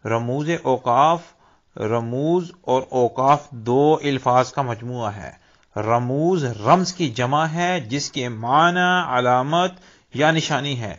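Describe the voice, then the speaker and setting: A man giving a slow, deliberate grammar lesson, explaining terms and repeating examples. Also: on the high side, a bit bright. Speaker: Urdu teacher. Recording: dull lo-fi recording.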